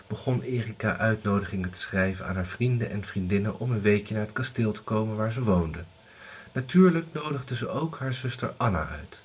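A man narrating a fairy tale in an expressive, lively storytelling manner. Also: on the low side, husky.

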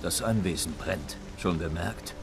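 A stoic game monster hunter with a deep voice. He speaks in short, deadpan, dryly witty lines over clearly audible music. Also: unhurried. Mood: calm, dry. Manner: deadpan, laconic. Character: stoic, dry-witted male monster hunter. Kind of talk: video game acting. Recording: music underneath.

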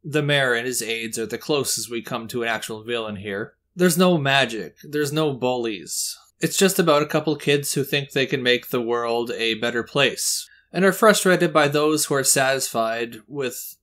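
A man talking through a movie review in an easy, chatty way. His pitch sits in an ordinary middle range, and he drifts into small joking asides about himself as he goes. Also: normal speed, hardly any pauses. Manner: chatty, self-deprecating, relaxed asides. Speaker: host.

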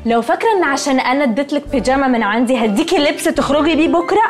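A spoiled rich young woman , played by an actress, talks in a high, brisk Egyptian Arabic accent in a TV sitcom. She is dismissive and haughty and drops English words into her speech. Faint music plays behind her. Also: lightly acted. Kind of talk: TV sitcom acting.

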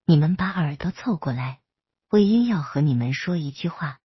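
A woman's voice: sits low, expressive, normal speed, slightly rough, dry recording, muffled recording, full character voice. A woman voicing a small, cheeky and earnest boy cultivator in a storybook reading, who refers to himself in the third person.

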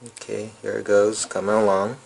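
Here a phone repair tutorial host speaks at normal speed in a gravelly, slightly rough voice on the low side, captured in a rough recording. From a table in an indoor room, he casually explains a phone reset step by step, peppering it with many ums and uhs.

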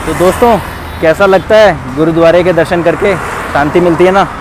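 A man's voice: a little high, a little fast. A man in his thirties hosting a casual travel vlog outdoors, talking cheerfully to his viewers into a phone at arm's length. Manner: cheerful, keeps addressing viewers as friends. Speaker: travel vlogger. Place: outdoors on busy city roads and a market. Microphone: phone held at arm's length. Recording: street traffic noise behind.

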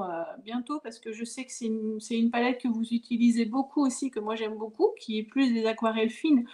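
A woman with a high voice leads a live watercolor lesson from home. She chats casually with her viewers, reading their comments aloud and laughing often between steps. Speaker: watercolor teacher hosting a live stream. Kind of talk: casual live-stream chat.

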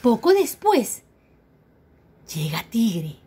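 Lively woman reading a children's story. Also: fairly high pitch, drawn-out words, slight background noise. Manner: lively, asks the young listeners questions. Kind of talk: reading a picture book aloud to children.

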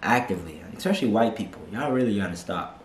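A man's voice: fairly low pitch, expressive, quick pace. A young man in his twenties hosting a reaction video, brash, mocking and profane as he comments. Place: small room, seated on a couch. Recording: echoey room.

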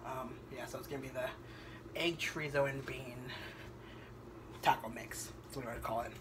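A young man talking casually in a home kitchen vlog, rambling with many pauses and ums. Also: medium pitch, steady tone, background noise. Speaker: vlogger. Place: home kitchen at night, indoors. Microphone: camera on the counter.

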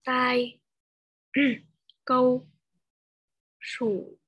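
High, flat woman student, muffled. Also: husky. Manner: slow, halting reading of vocabulary. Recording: muffled lo-fi line.

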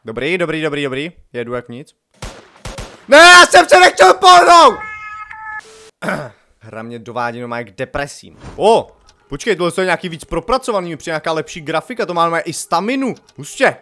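A man giving casual, jokey let's-play commentary, swinging from loud excited outbursts to low mutters. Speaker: gaming youtuber.

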